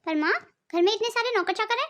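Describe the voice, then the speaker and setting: A woman's voice: very high-pitched, quick pace. A woman voicing a loyal young daughter-in-law in a cartoon family drama, speaking in a pleading, emotional way. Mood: upset pleading. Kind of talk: cartoon voice acting.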